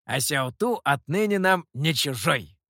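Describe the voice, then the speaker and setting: A man's voice: a little high, lively intonation, a little slow, gravelly, bright, forceful tone, no room sound, clean studio sound, exaggerated voice. A man voicing a teasing, gloating male monkey demon in an audiobook, speaking in a mocking tone. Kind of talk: audiobook character voice.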